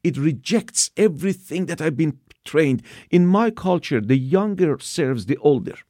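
A man's voice: fairly high pitch, lively intonation, unhurried, a little mellow, dry recording, studio quality. A man from Iran in his sixties with a Persian accent, earnestly telling his personal testimony with occasional restarts. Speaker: speaker giving his testimony.

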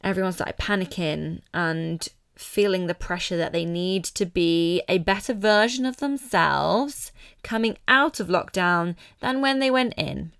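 A woman's voice: lowish voice, unhurried, gravelly, a bit bright, clean tone, no echo, studio quality. A British woman hosting a solo podcast, talking informally and candidly with an emphatic, motivational manner. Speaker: podcast host.

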